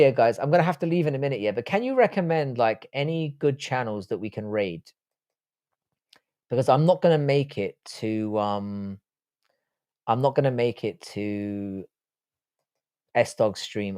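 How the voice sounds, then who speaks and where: A young man with a medium-pitched, slightly mellow voice hosts a stream, replying to viewer questions with blunt, profane humor. He's Irish by birth and grew up in the UK, and the studio sound is clean with no echo.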